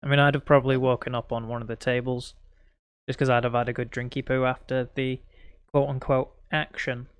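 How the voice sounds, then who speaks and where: A man's voice: mid-range voice, flat delivery, brisk, clear, resonant tone, dry recording. A man playing a tabletop game, jokey and mock-theatrical in his banter. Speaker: player. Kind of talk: playful in-character banter.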